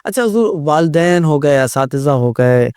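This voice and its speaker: A man's voice: a little high, lively intonation, a little mellow, clear, resonant tone, no room sound, clean studio sound. A man hosting an interview, asking questions respectfully with frequent affirmations and light humor. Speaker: host.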